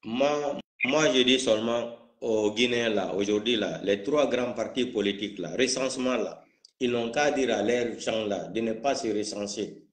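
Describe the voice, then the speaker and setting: A male political commentator with a Guinean French accent speaks in live, spontaneous political talk, combative and repeating himself for emphasis. His voice is medium-pitched and mid-range, at a moderate pace.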